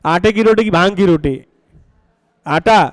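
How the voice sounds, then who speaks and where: A man's voice: high voice, a little slow, no echo, low-quality recording. A man teaching a chemistry class, coaxing students with questions and repeating their answers. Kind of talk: classroom lecture.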